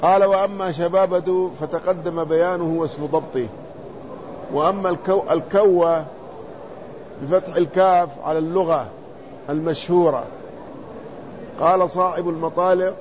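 Male scholar, high voice, measured text-reading lesson, dull lo-fi recording. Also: a little mellow, a little hiss or hum. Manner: measured, deliberate, spells out letters and vowels. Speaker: Islamic scholar teaching hadith commentary. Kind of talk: reading and explaining a classical text.

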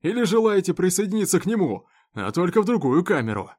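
A man's voice: sits high, very animated, quick pace, darkish tone, pitched above the performer's own voice. A man playing a stern, growling sheriff. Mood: angry. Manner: commanding, growling. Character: stern, hot-tempered male small-town sheriff.

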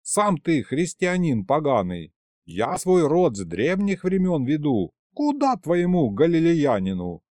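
Snezhina, a sulky young snow maiden, as a male reader puts her on, drawling her words in a raised, pleading tone. The voice swings widely in pitch, keeping a warm, mellow timbre. It is recorded close and dry, with no room sound. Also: huge pitch swings, a little slow, no echo. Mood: whiny pleading. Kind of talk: audiobook character voice.

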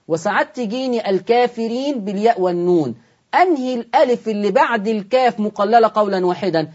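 A Quran recitation teacher and host with an Egyptian accent runs a TV lesson where he asks viewers questions and then supplies the answers. His voice sits high with a darkish tone, and the recording has its highs cut off.

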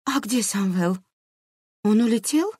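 A woman reader voicing a frail elderly woman in a hospital bed, speaking quietly and with confusion. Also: medium pitch, expressive, unhurried, husky, dry recording, clean studio sound, voice pushed up. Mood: weak bewildered.

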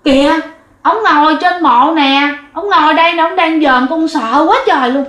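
A woman's voice: sits high, normal speed, fairly bright tone, pitched above the performer's own voice. A woman voicing a frightened four-year-old boy in a ghost story, pleading and repeating himself. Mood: scared. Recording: roomy echo.

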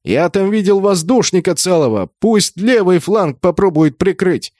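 A man's voice: sits high, lively intonation, unhurried, darkish tone, dry recording, studio quality, voice pushed up. A man voicing a cocky veteran guild leader who barks crude orders in an audiobook. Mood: commanding. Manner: barking orders, crude, commanding. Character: commanding veteran guild leader, adult male, bossy and cocky. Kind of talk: audiobook character voice.

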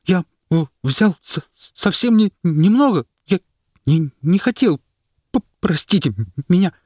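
A man's voice: high-pitched, expressive, a little slow, dry recording, studio quality, voice pushed up. A man reading an audiobook and voicing a terrified male official who stammers and stutters.

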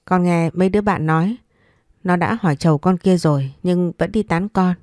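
A woman's voice: fairly low pitch, normal speed, darkish tone, no room sound, clean studio sound, close to an everyday voice. A woman voicing a tired, sullen teenage girl answering back in a story reading. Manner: weary and sullen.

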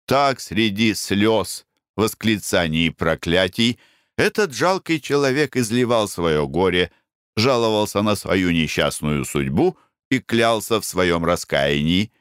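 A man narrating a classic novel as an audiobook in a measured, even way. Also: fairly low pitch, smooth, no echo, clean studio sound. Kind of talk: scripted narration.

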